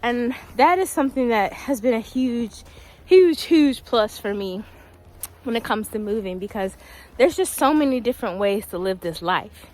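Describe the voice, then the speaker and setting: A young woman talking casually while walking a quiet wooded trail in winter, a little out of breath, with many ums. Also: on the high side, expressive, moderate pace. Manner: chatty, laughs often, many ums. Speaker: vlogger.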